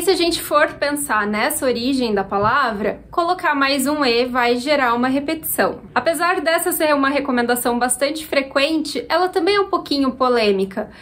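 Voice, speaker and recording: A woman from Brazil with a Minas Gerais accent, explaining Portuguese grammar clearly as a teacher answering viewer questions. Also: high-pitched, fairly bright tone.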